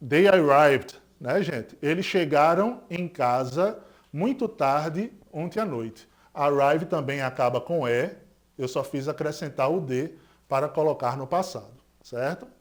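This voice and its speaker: A man's voice: a little high, expressive, unhurried. A male English teacher with a Pernambuco Brazilian Portuguese accent gives a recorded lesson, asking students questions and confirming each point. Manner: didactic, asks students rhetorical questions and confirms with "certo?"; stresses English example words more loudly.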